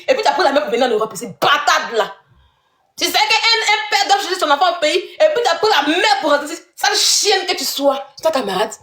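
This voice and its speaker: High-voiced woman ranting in a roomy echo. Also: a bit bright. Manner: accusatory, scornful, with mocking laughs. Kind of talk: heated live-stream rant.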